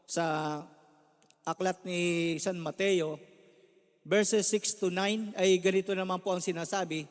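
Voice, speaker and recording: High-voiced pastor in a reverberant hall. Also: male voice, fairly even intonation, slow. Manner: earnest, emotional preaching, often calling out to the congregation. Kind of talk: sermon with personal testimony.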